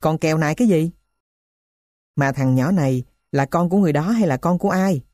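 A woman's voice: deep voice, brisk, mellow, no echo, studio quality, close to an everyday voice. A woman voicing the thief's poor wife, who questions and scolds him. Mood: scolding.

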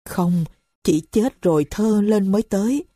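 A woman's voice: mid-range voice, measured pace, mellow, dry recording, studio quality, lightly acted. A woman voicing a rash young husband full of grief and remorse, pleading and tearful. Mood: remorseful.

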